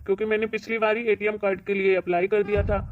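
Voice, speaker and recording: A woman's voice: mid-range voice, flat delivery, fast, lightly acted. A woman playing a greedy middle-aged son and husband who coaxes and argues in a plain voice. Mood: scheming. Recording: dull lo-fi recording.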